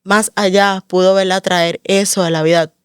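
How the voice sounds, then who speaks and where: A woman's voice: medium pitch, flat delivery, moderate pace, clean tone, no room sound, clean studio sound. A woman hosting a faith interview, asking questions and encouraging her guests with frequent affirmations. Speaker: host.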